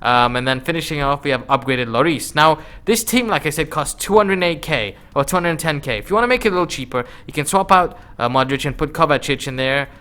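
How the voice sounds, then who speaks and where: A man's voice: a little high, a little fast, few pauses, pushed and bright, smooth. A man giving casual, conversational gameplay commentary as a gaming video host, using informal slang.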